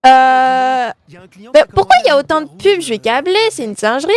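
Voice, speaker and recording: A woman's voice: sits high, lively intonation, moderate pace. A woman streaming live from her bedroom, chatting with her viewers, greeting them by name and correcting herself as she goes. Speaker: gaming streamer. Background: faint music.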